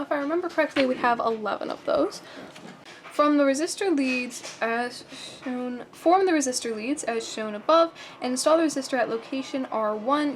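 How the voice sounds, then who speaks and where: High-pitched woman hosting a casual how-to, joking asides, reads instructions aloud, bench camera mic. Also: slight background noise. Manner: chatty, self-mocking, jokey asides. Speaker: host. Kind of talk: casual soldering tutorial.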